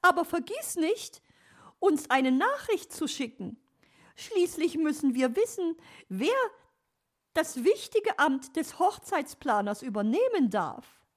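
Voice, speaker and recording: A woman voicing a nosy, scheming female magpie in a storybook, shrill and teasing. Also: very animated, slow pace, heavily acted. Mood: eager.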